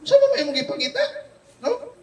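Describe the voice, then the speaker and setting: A man leading a family Bible study, animated and teasing, constantly checking in with his listeners. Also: very high-pitched, moderate pace. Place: home room with family gathered. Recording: echoey room, far from the mic.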